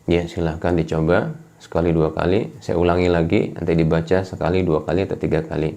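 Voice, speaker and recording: Male Quran teacher, low dark gravelly voice, patient and repetitive, demonstrates sounds. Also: fairly even intonation, brisk. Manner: patient, repeats each point and demonstrates sounds. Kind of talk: explaining articulation to home viewers.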